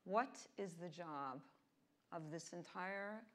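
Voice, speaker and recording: Woman interviewer, lower voice, upbeat and direct. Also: takes it slowly, a bit bright. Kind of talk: onstage interview.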